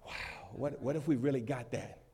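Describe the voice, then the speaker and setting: A pastor with a cold preaches a lively sermon to a congregation in a church, a man's voice of middle pitch that rises loud for emphasis and then drops to quiet asides. He laughs easily between points. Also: fairly quick, husky. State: has a cold.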